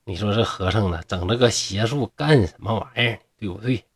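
A man's voice: lowish voice, fairly quick, husky. A man with a Northeastern Mandarin accent telling a folk tale in a humorous way, with chatty asides to the listeners. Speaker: storyteller.

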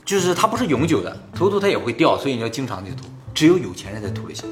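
A man hosting and telling old tales in a casual fireside storytelling manner, pausing for explanatory asides. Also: medium pitch, very animated, faint music behind. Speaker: host and storyteller.

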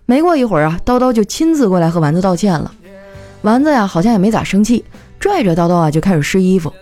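A chatty young woman with a lively, mellow voice. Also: mid-range voice, fast, faint music behind. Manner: chatty, laughing as she talks. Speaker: comedy podcast host. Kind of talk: comic storytelling monologue.

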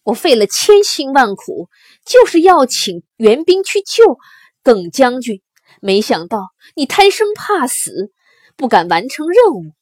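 A woman voicing a tearful, furious male army envoy who shouts and pleads for rescue. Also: high-pitched, sing-song, unhurried, no echo, voice pushed up, heavily acted. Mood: pleading.

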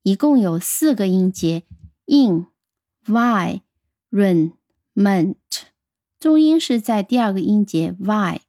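A woman giving a radio vocabulary lesson, pronouncing words slowly and carefully and spelling them out letter by letter. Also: mid-range voice, sing-song, warm tone, dry recording, studio quality. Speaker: English vocabulary teacher.

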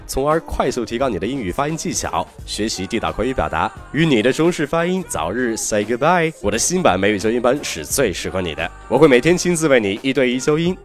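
Young male pronunciation coach, animated delivery, faint music bed. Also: medium pitch. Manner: explains Chinese, models English phrases slowly. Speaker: English pronunciation teacher. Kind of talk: online pronunciation lesson.

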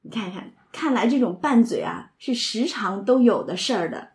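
Very animated and speaking at normal speed, a woman with a slightly high, darkish voice retells a classic novel in a roomy-sounding recording. As a literature commentator she explains scenes conversationally, often voicing characters' lines amid many filler words.

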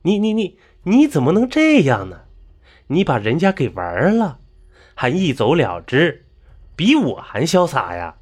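Man doing a brash apprentice, indignant, loud, husky. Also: on the high side, huge pitch swings, measured pace, pitched above the performer's own voice, full character voice. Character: brash jealous young male apprentice.

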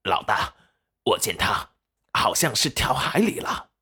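A man's voice: medium pitch, big pitch swings, measured pace, sharp tone, slightly rough, full character voice. A man voicing an eager, fawning and crude pirate underling in an audiobook. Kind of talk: audiobook character voice.

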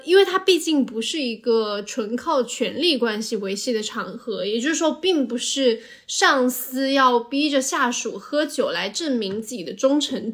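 A woman co-hosting a podcast in casual, reflective conversation, explaining things analytically and at length. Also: fairly high pitch. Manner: analytical, explains at length with occasional English filler. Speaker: podcast co-host.

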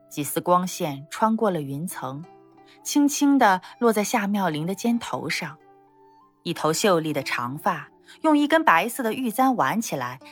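A woman narrating a novel as an audiobook in an expressive storytelling manner. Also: lowish voice. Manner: expressive storytelling, lively intonation.

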